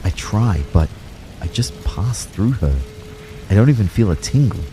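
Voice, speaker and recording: Loud music and a low-quality recording surround this young man's lowish, slightly slow voice. He narrates a first-person audio drama about his own out-of-body ordeal, playing the anxious narrator and acting out dialogue. Tense and reflective, he shifts expressively from hushed telling to urgent pleading.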